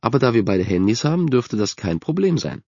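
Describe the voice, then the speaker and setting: A man's voice: medium pitch, big pitch swings, a little fast, darkish tone, slightly rough, dry recording, pitched above the performer's own voice. A man putting on a nagging, scolding mother. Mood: practical. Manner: raised, scolding calls. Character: weary, nagging middle-aged mother. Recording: dull, dry recording.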